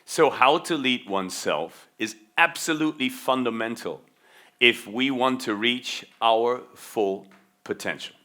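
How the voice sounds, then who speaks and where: This middle-aged German man dropped his accent as a teenager, so only a faint American-schooled German trace remains in his mid-range, bright, forceful voice. Giving a motivational keynote on leadership at a measured pace, he speaks emphatically, stretching key words and repeating them for stress.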